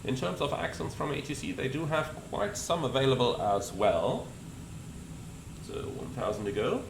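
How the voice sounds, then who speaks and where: With a mid-range voice, vocal fry, and normal speed, a man presents a flight simulator as a pilot. His talk mixes procedural explanation with radio readbacks, heard in a roomy recording over steady cockpit noise.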